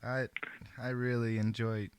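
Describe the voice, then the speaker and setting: A man's voice: medium pitch, little pitch movement, a little slow, clean tone, no room sound. A man hosting a casual call, talking in a laid-back, earnest, slangy way with the odd swear word. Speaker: host. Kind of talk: casual phone chat.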